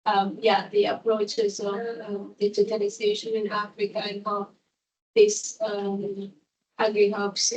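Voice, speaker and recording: A woman's voice: medium pitch, a little mellow, far from the mic, dull audio. Hesitant woman from Ecuador, off-mic. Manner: halting, many fillers. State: losing her voice. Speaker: workshop participant. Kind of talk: hesitant audience remarks.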